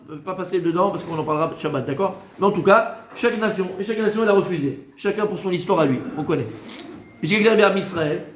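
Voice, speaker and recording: A man, a rabbi, giving a Torah lesson in a lively way, teasing his listeners with joking asides. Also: high-pitched, fast talker, roomy sound, slight background noise.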